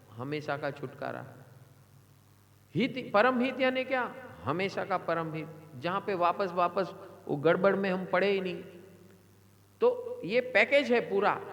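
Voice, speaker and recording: A man's voice: sits high, fairly bright tone, muffled recording. A man giving a devotional sermon as a spiritual teacher, earnest and emphatic, repeating phrases and putting questions to his listeners. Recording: echoey hall reverb.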